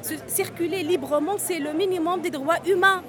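Her voice is extremely high and moderately paced, heard over music, as this Tunisian woman in her forties speaks earnestly in a street-march interview. An undocumented migrant, she often repeats and restarts words; outdoor crowd noise surrounds her.

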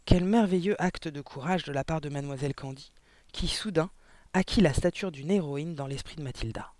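Male storybook reader, high voice, calm and measured, dry close mic. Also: no echo. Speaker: narrator. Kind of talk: storybook reading aloud.

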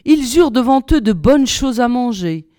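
A woman reading a fairy tale aloud in a measured, expressive storybook style. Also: on the high side, no echo, studio quality. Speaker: reader.

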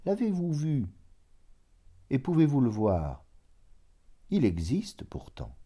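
A man's voice: lowish voice, expressive, takes it slowly, dark tone. A man voicing an earnest arguing monk. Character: male monk, calm reasoning sage.

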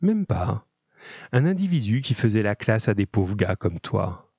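A man's voice: fairly low pitch, big pitch swings, a little slow, vocal fry, a little mellow, breathy edge, dry recording, lo-fi sound, heavily acted. A man reading as a boastful young convict. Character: young male convict, streetwise gang boy.

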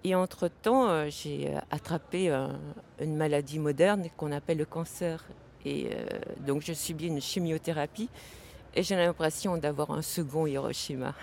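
A woman from Vietnam answering interview questions in a hesitant, halting way with many pauses and fillers, outdoors at a city station. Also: low voice, creaky, a little mellow, a little hiss or hum.

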